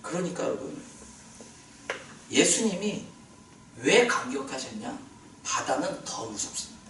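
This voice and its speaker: Lively Korean pastor preaching in a hall. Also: male voice, on the high side, measured pace, slight background noise. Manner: animated, questioning the congregation. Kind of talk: sermon. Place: prayer retreat hall. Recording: roomy hall from a distance.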